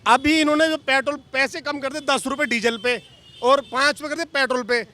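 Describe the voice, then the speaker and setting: An angry young man, a mechanic, complains loudly in a street interview and lists rising prices one after another. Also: very high-pitched, steady tone, fairly quick, slight background noise. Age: young adult. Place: outdoors on a busy street.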